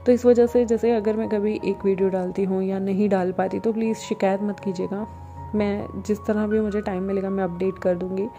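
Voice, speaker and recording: A woman's voice: mid-range voice, flat delivery, fairly quick, music in the background. A woman casually telling a fan-fiction romance story, chatty and sprinkling English words into her Hindi.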